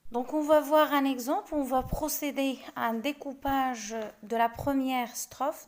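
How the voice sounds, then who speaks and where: Slow-speaking woman teaching a lesson. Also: high-pitched, darkish tone. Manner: slow, syllable-by-syllable scansion of verse. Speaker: French teacher. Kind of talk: explanatory lesson.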